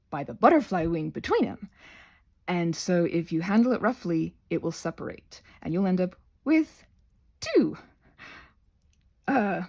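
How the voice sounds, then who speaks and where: A woman with a fairly low, warm voice and vocal fry hosts a casual craft tutorial. She rambles in a scattered way, trails off mid-sentence and talks to herself, showing a playful streak.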